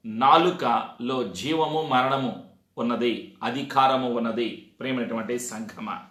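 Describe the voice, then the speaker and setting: Bright-voiced man preaching in an echoey church. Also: a little high. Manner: emphatic preaching with repeated calls to the congregation. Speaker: pastor. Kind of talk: sermon.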